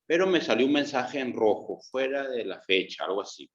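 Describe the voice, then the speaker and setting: A man's voice: medium pitch, animated, a little fast. A man speaking casually and politely as a student in an online class, over a lo-fi call. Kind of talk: casual, polite question to a teacher.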